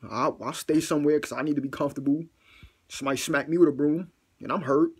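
A young man telling a funny story on camera in a casual, slangy, profane way, acting out his own reactions and jumping into high squeals. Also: fast, breathy edge. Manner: animated, acts out his own reactions with sudden loud squeals; slangy, profane, self-mocking.

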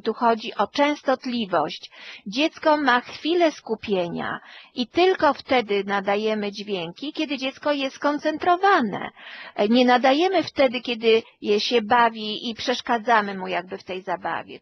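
A woman, a hearing and speech therapist, explaining calmly and at length, with some fillers as she goes. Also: on the high side, highs cut off, slight background noise. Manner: slow, measured explanation with fillers. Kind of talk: expert talk to camera.

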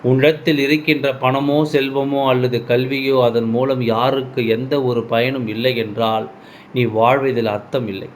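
A man's voice: mid-range voice, fairly even intonation, moderate pace, a little hiss or hum. A man giving a devotional message in the voice of the goddess, speaking solemnly and addressing the listener directly as her child.

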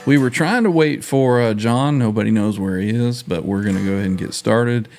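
A man's voice: lowish voice, fairly quick, a little mellow, soft background music. An older man hosting a livestream in casual chat, speaking close to a studio microphone. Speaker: livestream host. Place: home music studio, indoors. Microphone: close studio microphone with headset.

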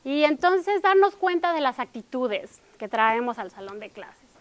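A woman's voice: high-pitched, very animated, unhurried. A middle-aged Mexican woman with a Mexican Spanish accent, giving an academic workshop talk, switching between Spanish and English and often tagging her sentences with a question. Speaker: workshop presenter.

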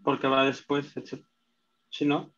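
A Spanish-speaking man learning English, reading sentences aloud in a lesson, hesitant and halting, often restarting words. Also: medium pitch, monotone, a bit bright, muffled recording. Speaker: student.

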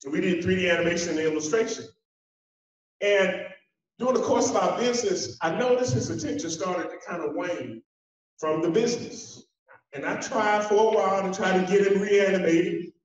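High-voiced man giving an echoey keynote. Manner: emphatic, repetitive rhythmic phrasing with dramatic pauses; walks the stage while speaking. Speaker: keynote speaker. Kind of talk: motivational keynote speech. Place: large conference hall stage. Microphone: handheld mic heard through a distant camera. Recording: echoey hall from far off, dull sound.

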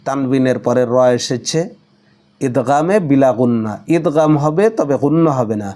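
A man with a Bangladeshi accent teaching tajweed. He explains each rule briskly, then recites the Arabic phrases slowly and drawn out. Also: medium pitch, warm tone. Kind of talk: tajweed lesson alternating explanation and slow recitation.

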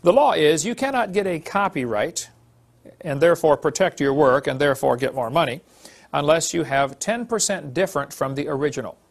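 A man's voice: a little high, animated, fairly quick, gravelly. A man giving an explanatory teaching talk, laying out his point step by step and checking in with "okay". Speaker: Bible teacher.

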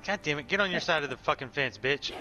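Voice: medium pitch, expressive, fast, music in the background. An exasperated, foul-mouthed gamer in casual swearing banter during a video game.

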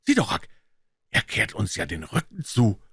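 A man doing Tom Sawyer, a bold, quick boy. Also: dry recording, clean studio sound. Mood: relieved. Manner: urgent, lively, raised pitch.

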